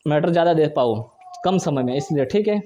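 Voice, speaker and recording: A man teaching a Sanskrit grammar lesson, talking fast, repeating each example and asking and answering his own questions. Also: on the high side, animated, mellow. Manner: fast, brisk delivery. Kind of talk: exam-prep grammar lesson.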